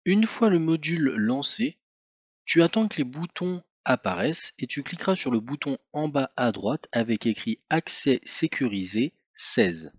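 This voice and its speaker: Man calmly explaining car coding steps. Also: medium pitch, normal speed, breathy edge, no room sound. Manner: calm, methodical, addresses viewer informally. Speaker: car tutorial host. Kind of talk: step-by-step instructional voice-over.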